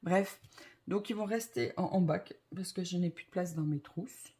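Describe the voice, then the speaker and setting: A woman's voice: lowish voice, moderate pace, dark tone. A woman chatting casually to her viewers about her coloring supplies, rambling and correcting herself with lots of fillers and a self-mocking tone. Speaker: vlogger. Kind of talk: casual chat to camera.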